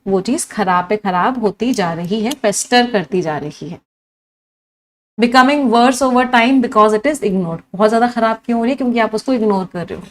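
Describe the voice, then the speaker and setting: A woman's voice: on the high side, moderate pace. A woman teaching English vocabulary in a live online class, mixing Hindi and English, listing synonyms one after another and asking her students questions. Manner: lively teacher who lists many synonyms and quizzes her students.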